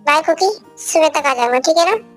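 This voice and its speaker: A woman's voice: high voice, a little fast, faint music behind, lightly acted. A young woman voicing a possessive, domineering young husband who gives orders in an amateur fan dub. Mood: coaxing. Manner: commanding, repeats orders.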